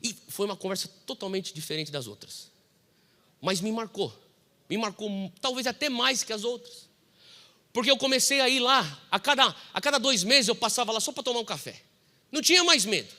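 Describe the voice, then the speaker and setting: Brazilian male pastor, 40s, animated storyteller with a sharp, ringing tone, reverberant hall sound. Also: high-pitched, a little fast. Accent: Brazilian Portuguese. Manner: animated storytelling, acting out quoted dialogue. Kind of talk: sermon.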